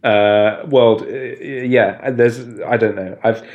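A man co-hosting a casual political comedy podcast. He rambles through his points with sardonic asides and laughs often. His voice sits at a middling pitch. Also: fairly even intonation, measured pace, muffled recording. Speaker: podcast co-host.

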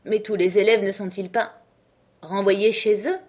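A simple, loyal old housekeeper, quick to tears and earnest in her protests, as a woman reader puts her on. She speaks plainly, her voice rising whenever she defends the children she loves. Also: mid-range voice, steady tone, a little mellow, natural voice. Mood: earnest, pleading. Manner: earnest, easily stirred protests.

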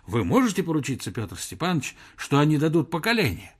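A man's voice: on the high side, very animated, moderate pace. A man voicing an irritable, fussy older male professor who talks in a testy, heated way.

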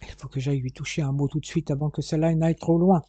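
A man's voice: a little high, little pitch movement, fast, warm tone, dry recording, close to an everyday voice. A man voicing an anxious, stern but loving father who gives urgent orders. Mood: concerned. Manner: urgent, commanding.

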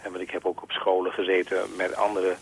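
A man calling in to a radio show, his voice low and husky as it comes through a telephone line. He talks in an earnest, halting way, often stopping to search for the right word. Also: completely flat delivery. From Groningen, Netherlands. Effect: heard over a telephone line. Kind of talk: phone-in conversation.

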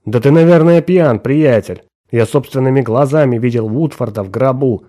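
A man's voice: medium pitch, moderate pace, mellow, natural voice. A man voicing a suspicious, mocking friend who refuses to believe the caller. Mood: incredulous mockery. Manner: incredulous, sneering.

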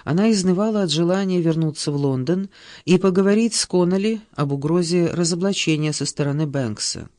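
A woman narrating an audiobook in an even, measured reading voice. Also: lowish voice, dry recording, clean studio sound. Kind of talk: scripted narration.

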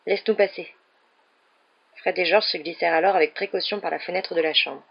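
A steady audiobook narrator reads a children's story with calm, measured pacing. The voice sits in a middle range. The recording sounds a little dull and lo-fi. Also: mid-range voice, creaky, breathy edge. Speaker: audiobook reader. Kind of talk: scripted narration.

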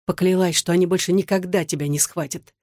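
A woman's voice: on the low side, fairly even intonation, fast, a little mellow, lightly acted. A desperate young woman pleads in a tearful murmur , as the audiobook narrator puts her on. The storybook reading sits in a dry, close room with no echo. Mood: bitter.

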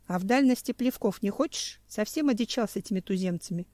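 A cheeky, easygoing crewman joking along in an audiobook , read by a woman. Her tone is mellow and dark, recorded dry and close. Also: fairly high pitch, lively intonation, a little fast, no room sound, close to an everyday voice.

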